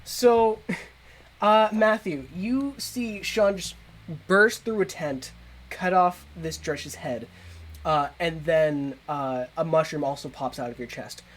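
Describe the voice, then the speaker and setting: A man running a tabletop game as game master, narrating quickly and laughing often. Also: a little high.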